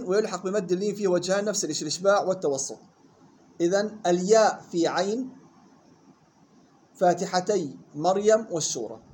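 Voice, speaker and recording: A man teaching Quran recitation rules to students in a room. He reads the rule text slowly and then explains it in quick colloquial talk. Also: high voice, a little mellow, a little hiss or hum. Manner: drills syllables slowly and questions students. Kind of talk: classroom lesson explaining a text.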